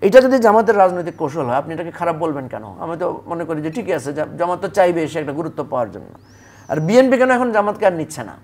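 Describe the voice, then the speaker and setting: A man's voice: on the high side, sing-song, fast, a little mellow. A man debating politics as a guest on a television talk show, arguing with rhetorical questions.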